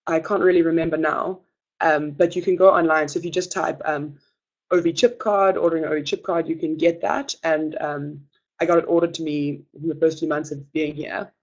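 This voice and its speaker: Speaking with a steady tone at medium pitch, a young adult student gives a reassuring webinar presentation punctuated by lots of hesitant filler pauses. The recording is muffled.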